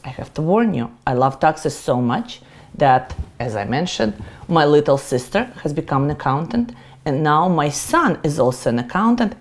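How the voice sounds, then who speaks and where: A woman's voice: medium pitch, darkish tone. A middle-aged woman from Russia with a Russian accent, a tax accountant giving a playful, emphatic lecture. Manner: playful, self-mocking, emphatic. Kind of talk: presenter lecture to camera.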